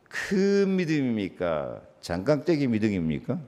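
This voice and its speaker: A man's voice: huge pitch swings, a little slow, in a large hall, a little hiss or hum. A male pastor preaching a sermon, repeating key words for emphasis and calling on the congregation to answer and greet each other. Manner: preaching with big swings in pitch and loudness, repeating key words; asks the congregation to answer and greet one another. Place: church sanctuary.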